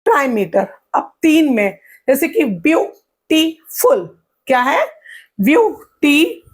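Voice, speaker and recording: A woman teaching an exam-prep lesson, asking her own questions and answering them, and sounding words out slowly. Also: sits high, very animated. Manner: claps and stretches words out slowly to show syllables.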